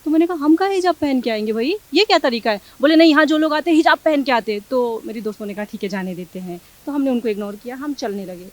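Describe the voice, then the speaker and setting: A young woman, giving a news interview and animatedly acting out the exchanges she recounts. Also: sits high. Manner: animated, quick, acts out quoted exchanges.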